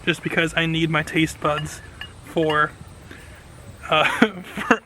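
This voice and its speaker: Enthusiastic man with a bright voice. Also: on the high side, slow, slight background noise, poor audio. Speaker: vlogger, home gardener. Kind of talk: casual hands-on vlog commentary.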